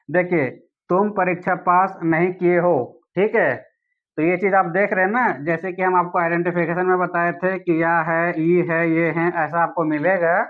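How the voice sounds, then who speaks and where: A man teaching an English grammar lesson, asking the viewer questions and saying English examples slowly. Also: a little high, narrow, tinny audio.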